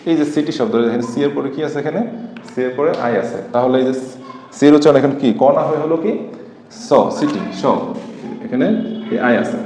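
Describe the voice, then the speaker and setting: A man's voice: medium pitch, fairly quick, a little mellow. A man teaching a phonics lesson, spelling words out letter by letter and answering his own questions. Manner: patient, asks questions then answers them. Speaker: English teacher. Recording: echoey room reverb, faint noise.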